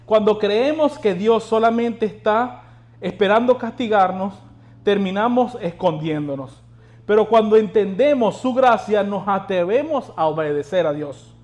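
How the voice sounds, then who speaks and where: A man's voice: high voice, unhurried, a little mellow. A male pastor preaching a sermon, urging the congregation on and asking them rhetorical questions.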